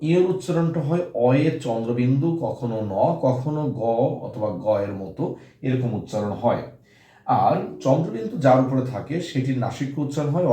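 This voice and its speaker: A man's voice: mid-range voice, mellow, roomy sound. A male teacher giving a lesson to students, explaining step by step and saying example words aloud several times. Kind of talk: classroom lesson on pronunciation.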